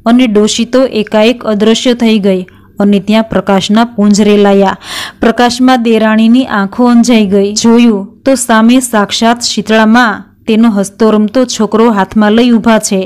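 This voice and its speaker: A middle-aged woman narrating a devotional folk tale in a steady, plain storytelling manner. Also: on the high side, normal speed, clean tone. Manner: steady, plain storytelling with quoted dialogue read in the same voice.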